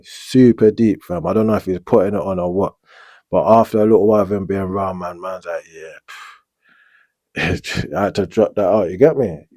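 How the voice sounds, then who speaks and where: A young man in his twenties with a London street accent, telling a long prison story in relaxed slang, often checking in with "you get me?". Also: low voice, dry recording. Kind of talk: storytelling monologue.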